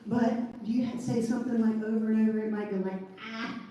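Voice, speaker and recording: A woman with a deep Southern US accent gives an informal motivational training talk, folksy and emphatic, often checking in with short tags. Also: steady tone, fast, warm tone. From southern United States. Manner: folksy, emphatic, repeats check-in tags like okay and all right. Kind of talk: informal motivational presentation to a group. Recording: echoey room, distant mic, faint noise.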